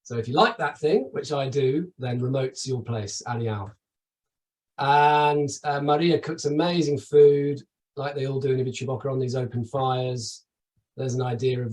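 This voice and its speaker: A man's voice: mid-range voice, fairly even intonation, moderate pace, a little mellow, distant mic, poor audio. A middle-aged man from the UK giving a chatty, enthusiastic webinar presentation over slides, with asides and restarts. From United Kingdom. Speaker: travel company presenter.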